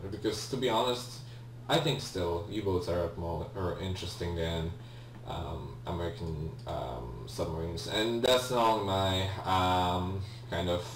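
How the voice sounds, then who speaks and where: Here a young Polish man, speaking English with his native accent, narrates a game he's playing in a let's play. His voice sits low and moves a little slowly with few pauses, while his commentary is casual, hesitant and apologetic, full of ums and restarts. Echo, a faint hum and a distant mic mark the recording.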